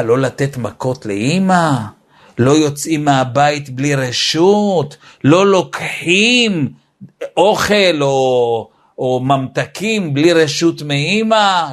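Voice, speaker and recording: A man giving a weekly Torah lesson on raising children. He teaches in an animated way and acts out family scenes as he goes. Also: a little high.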